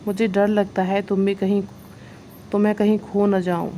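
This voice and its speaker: An emotional young woman, wary in love and pleading, as a woman storyteller gives her lines. The voice is mellow and soft-edged, close to the reader's own. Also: medium pitch, little pitch movement, measured pace, slight background noise, lightly acted. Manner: pleading, tearful.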